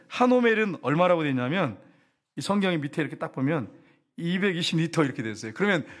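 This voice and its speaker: A man preaching a sermon as pastor, lively and chatty, teasing the congregation with questions. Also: a little high.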